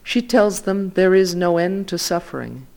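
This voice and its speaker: A man reading literary fiction aloud in a measured way, voice dropping softly at the ends of lines. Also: high-pitched, animated, gravelly. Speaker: reader.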